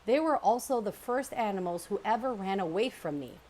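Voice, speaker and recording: A woman voicing a friendly female robot in a storybook reading, polite and formal in a gentle tone. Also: medium pitch, lively intonation, fairly quick, voice pushed up, lightly acted.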